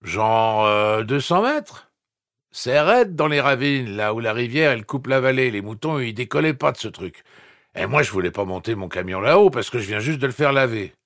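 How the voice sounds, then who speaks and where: A man's voice: mid-range voice, lively intonation, normal speed, a bit bright, no room sound, studio quality, voice pushed up. A man voicing a young drunk rancher who drawls and slurs his words. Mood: slurred. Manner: slurred, drawling. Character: young drunk male rancher, slow slurred talker.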